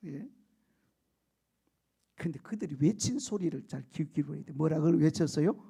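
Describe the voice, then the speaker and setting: A male pastor preaching a lively sermon, often asking the congregation questions and acting out the quotes he tells. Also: fairly high pitch, moderate pace, creaky, husky. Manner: animated storytelling with shouted quotes and laughter; keeps prompting the congregation for answers.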